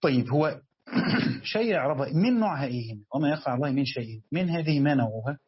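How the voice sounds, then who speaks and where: A man with an Egyptian accent teaching a classroom lesson on Quran commentary, reading the text slowly and then explaining quickly and quizzing his students. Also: medium pitch, expressive, husky, dull audio.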